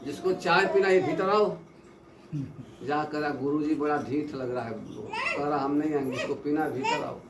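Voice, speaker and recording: A man's voice: on the high side, normal speed. A man giving a devotional sermon, telling parable stories and voicing the characters in them. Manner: storytelling with voiced dialogue, rising emotional emphasis. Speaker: preacher. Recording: echoey hall, distant mic, noisy ambience.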